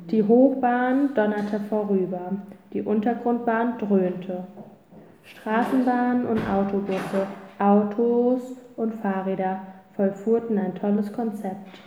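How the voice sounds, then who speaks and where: Slow woman reading a children's novel. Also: mid-range voice, fairly even intonation, slight background noise. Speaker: audiobook reader. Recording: roomy, tinny phone-like sound.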